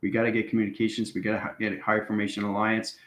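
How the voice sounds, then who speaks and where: A quick-talking man with a fairly bright, low-leaning voice that barely shifts in pitch leads an improvised esoteric lecture for viewers. Hosting his spiritual channel, he instructs repetitively and often adds short "right" or "okay" check-ins, in a roomy, echoing recording.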